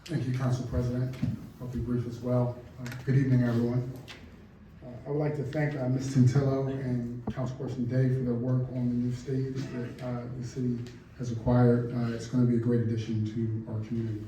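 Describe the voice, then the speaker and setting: A man speaking as a council member, earnest and pausing with fillers. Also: mid-range voice, flat delivery, noisy background. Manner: earnest, with fillers and repeated words. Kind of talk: council remarks. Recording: echoey council chamber, distant mic.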